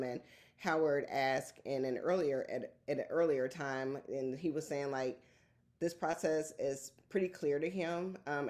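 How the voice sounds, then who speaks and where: A woman moderating a video-call panel, passing on a question from the audience in a measured way. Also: deep voice, darkish tone.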